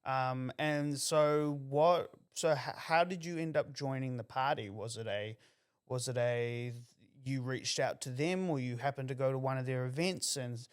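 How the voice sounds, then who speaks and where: Host: New Zealand man, mid-pitched clear voice, chatty rambling interviewer. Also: steady tone, unhurried. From Auckland, New Zealand. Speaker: podcast host. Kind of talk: casual interview.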